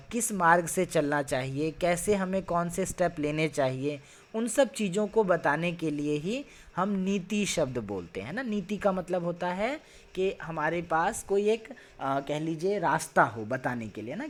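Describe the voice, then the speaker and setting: His voice a little high, this man teaches Sanskrit online via video call. He patiently pronounces words syllable by syllable and frequently ends remarks with tag questions.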